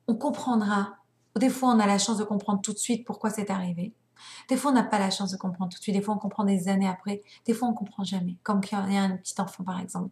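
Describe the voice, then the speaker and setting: A young adult woman teaching a spiritual lesson, telling stories in an animated way and acting out the voices. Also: mid-range voice, vocal fry. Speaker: religious teacher. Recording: roomy echo.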